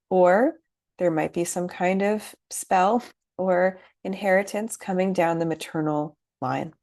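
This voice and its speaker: A woman with a low, gravelly voice teaches a workshop, speaking gently and reflectively and often pausing with fillers. The sound is dry and close, with no room echo. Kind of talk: lecture.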